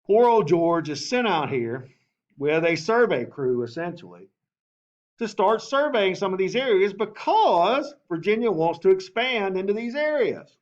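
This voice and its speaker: A man teaching a history class in a lively way, often asking the class and saying okay. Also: high voice, measured pace, lo-fi sound.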